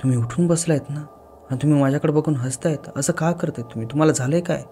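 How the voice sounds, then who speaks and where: A man's voice: on the high side, quick pace, mellow, a little hiss or hum, lightly acted. Man voicing a frightened young wife. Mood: pleading.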